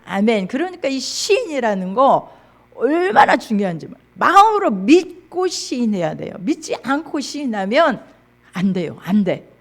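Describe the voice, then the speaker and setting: A woman's voice: on the high side, sing-song, moderate pace. A middle-aged woman pastor preaching a sermon, reading scripture aloud and calling out to the congregation.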